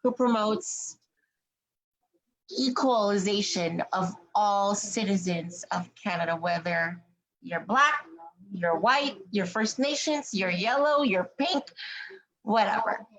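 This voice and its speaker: A woman's voice: medium pitch, slow pace, fairly bright tone, low-quality recording. A woman hosting an interview, speaking emphatically and asking loose, rambling questions in casual conversation. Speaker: interview host.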